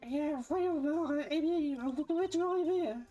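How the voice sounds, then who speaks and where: Man doing a giggly flirty falsetto witness woman. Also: moderate pace, dark tone, soft background music. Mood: teasing. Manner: sing-song falsetto, teasing.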